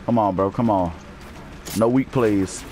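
A man's voice: on the low side, unhurried, a little hiss or hum. A man playing an online shooter with friends, joking and trash-talking in casual chat. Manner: excitable, joking trash talk. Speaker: gamer. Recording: loud game gunfire behind voice. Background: video game gunfire and effects.

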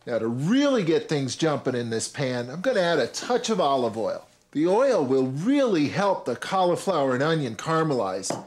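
Delivering scripted cooking-show segments in a home kitchen and a supermarket, a man in his thirties upbeatly explains each step to viewers, tossing in playful asides. He speaks at normal speed with few pauses in a slightly high voice that swings widely in pitch, over a little hiss or hum.

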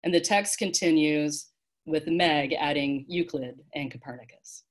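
A woman leading an online worship service, reading a story aloud in a measured, expressive way. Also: low voice. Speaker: worship leader.

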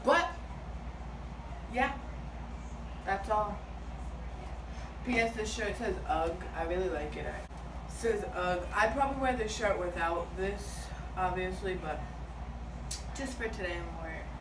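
A woman's voice: medium pitch, animated, unhurried, pauses often. A young woman chats upbeat about her outfits, her words often trailing into mumbles. She sounds a few steps away from the phone camera, with the kitchen adding an echo and a noisy background hiss. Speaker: fashion vlogger. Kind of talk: casual haul vlog. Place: small home kitchen, indoors. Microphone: phone camera set far across the room. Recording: echoey room, mic far off, noisy.

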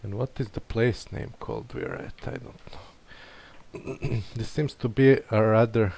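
A man's voice: on the low side, unhurried, gravelly, a little mellow. A man thinking aloud as he plays a map-guessing game, muttering and questioning himself. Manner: muttering, hesitant, self-questioning. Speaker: game streamer. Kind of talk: thinking aloud while playing.

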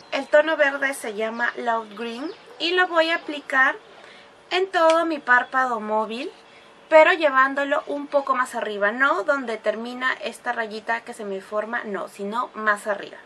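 A woman's voice: fairly high pitch, pushed and bright, slight background noise. A woman talking through a makeup tutorial, chatty and explaining each step as she goes, with bursts of gushing praise for the products. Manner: gushing exclamations over products. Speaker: beauty vlogger.

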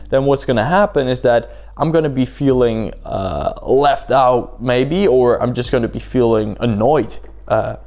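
A man's voice: medium pitch, a little mellow. A man hosting a casual solo podcast, rambling with many fillers and asking the listener rhetorical questions, a little sleepy. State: sleepy, yawning at times. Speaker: podcast host.

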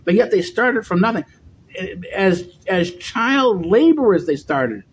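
Middle-aged male vlogger, high voice, rambling lecture with restarts, webcam in a dim room. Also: sing-song, measured pace, breathy edge. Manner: lecturing, with frequent restarts and repeated words. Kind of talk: rambling monologue.

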